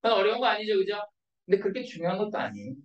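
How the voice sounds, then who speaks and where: An English teacher, a woman, teaches grammar to a classroom, firing off quick questions after each point to make sure students follow. Her ordinary-pitched voice is very animated and comes from far off, with the hollow echo of a bare classroom and cut-off highs.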